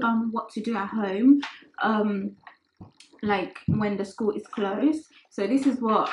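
A young woman vlogging casually at home in her kitchen, chatting with lots of fillers and trailing off softly. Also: fairly high pitch. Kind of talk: casual vlog chat. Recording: roomy kitchen with faint noise.

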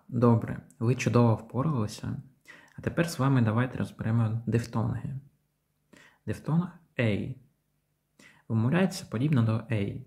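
A man's voice: medium pitch, a little mellow. A man teaching English pronunciation, patiently explaining each sound and modelling example words. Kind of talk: pronunciation lesson.

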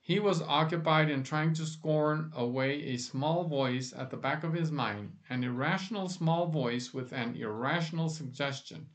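A man reading a novel aloud in a slow, measured way. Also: fairly high pitch. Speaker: narrator.

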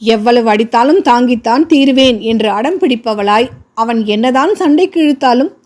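A woman storyteller reading a novel aloud in a steady, expressive way. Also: on the high side, moderate pace. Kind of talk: scripted novel narration.

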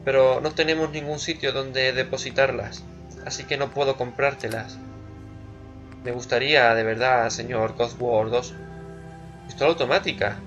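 A man's voice: medium pitch, fairly bright tone. Playful male gamer, slightly dull recording. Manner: playful, muses aloud, repeats words. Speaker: gamer, let's play host. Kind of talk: casual game commentary.

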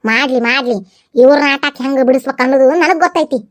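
Woman doing a scheming mother-in-law, North Karnataka Kannada accent, comedy skit, very high voice, mocking asides. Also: fairly even intonation, quick pace, dry recording, lightly acted. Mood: suspicious. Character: suspicious middle-aged mother-in-law, scheming and shrewd.

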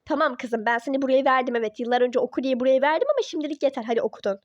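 A woman doing a pushy coaxing mother, lower-pitched. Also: racing, highs cut off, lightly acted. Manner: coaxing, dismissive. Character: pushy middle-aged mother. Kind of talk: toy-app role-play drama.

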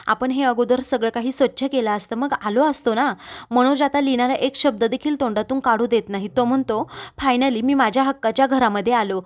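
Woman narrator, slightly high voice, recaps a drama episode and reads the dialogue in her own voice. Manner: reads characters' lines aloud in her own voice. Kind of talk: retelling a TV serial episode.

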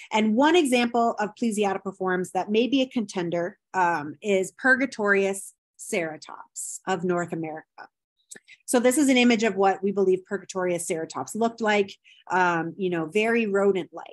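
A woman giving a recorded anthropology lecture over slides, explaining step by step with many ums and a habitual "right?". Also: mid-range voice. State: has the hiccups.

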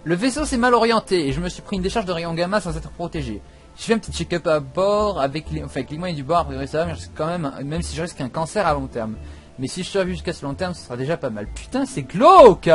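A man giving casual, excitable gameplay commentary, swearing and breaking into loud outbursts as he plays. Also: fairly high pitch, quick pace, faint music behind. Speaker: let's play gamer.

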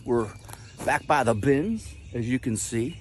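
Filming a relaxed vlog in his woods and garden, a man rambles on and pokes fun at himself as he goes. He speaks at medium pitch and a measured pace, with slight background noise in the recording.

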